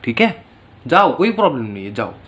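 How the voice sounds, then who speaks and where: A man's voice: mid-range voice, big pitch swings, fairly quick, fairly bright tone. A man voicing a doting mother. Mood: coaxing. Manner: coaxing, affectionate. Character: doting mother indulging her son.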